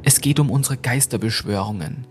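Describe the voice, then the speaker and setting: A man's voice: mid-range voice, a little fast, soft background music, lightly acted. A man voicing a remorseful young woman in a ghost story, with a shaky, sobbing voice. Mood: shaken.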